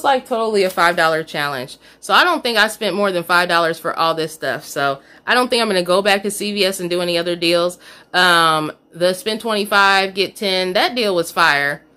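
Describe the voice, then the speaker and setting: A mid-range woman's voice with a sharp tone belongs to a couponing vlogger casually showing her store haul at home. Filming on a phone camera while off screen, she chats and gives herself a little scolding for missing a coupon.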